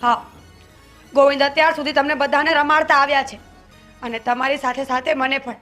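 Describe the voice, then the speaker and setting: A woman's voice: high-pitched, fairly even intonation, fairly quick, sharp tone, faint music behind. An actress playing a loyal young wife who earnestly pleads with her husband and family in a family film drama. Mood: anxious, earnest.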